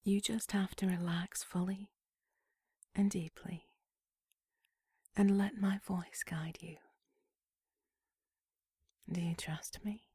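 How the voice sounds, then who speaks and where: A woman whispering a slow, soothing guided relaxation script in a breathy, hushed voice. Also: medium pitch, steady tone, no echo, studio quality.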